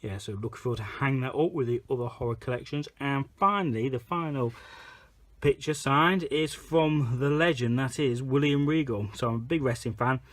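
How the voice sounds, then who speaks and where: A man's voice: mid-range voice, moderate pace. A man co-hosting a movie vlog, chatting casually about a convention haul in a rambling, chatty way. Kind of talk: casual chat.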